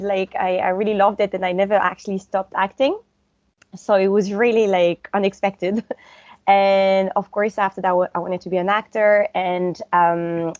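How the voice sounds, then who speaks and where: A woman's voice: mid-range voice, a little mellow, no room sound. A chatty young woman from France, raised in Brussels, talks as a guest from her home. Her speech is loose, with lots of fillers, and her laughs come easily. The audio is dull and lo-fi, dry, with no room sound. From born in France, raised in Brussels. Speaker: guest, actress and director. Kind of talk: casual interview conversation.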